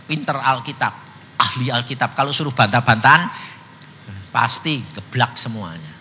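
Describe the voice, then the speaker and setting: An older man preaching a storytelling sermon, acting out dialogue with big swings in pitch and loudness. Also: slight background noise. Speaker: evangelist preacher. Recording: long church hall reverb.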